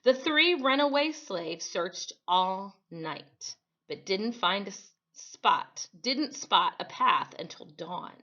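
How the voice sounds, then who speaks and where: Speaking slowly in a mid-range voice that is expressive, bright, and forceful, an American woman reads a storybook aloud as a teacher. The informal lesson is full of explanations and self-corrections, and the computer-microphone recording sounds dull.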